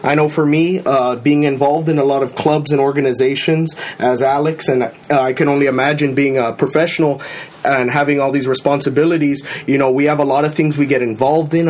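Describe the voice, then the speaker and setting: A young man speaks on a panel in an earnest, steady way. His voice sits slightly high for a man. He sounds like a student sharing his views. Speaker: student guest. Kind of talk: casual panel discussion.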